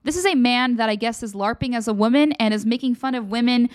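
A woman hosts her own livestream show, chatting with viewers in a loose, candid, conversational way and handing out frank advice. She talks quickly in a fairly high voice.

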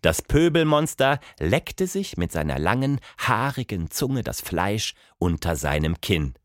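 A man narrating a children's audiobook with expressive, dramatic storytelling. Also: lowish voice, a little slow, no room sound, clean studio sound.

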